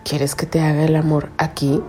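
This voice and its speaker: A woman reading the part of a passionate young husband in an audiobook, her voice dropped low and hushed for his lines. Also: level tone, normal speed, faint music behind, lightly acted. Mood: hushed urgent.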